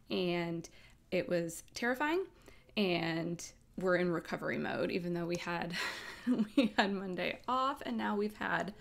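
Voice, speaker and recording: Speaking on the low side with some vocal fry, this American host keeps things loose and playful. She rambles along in easygoing vlog chatter.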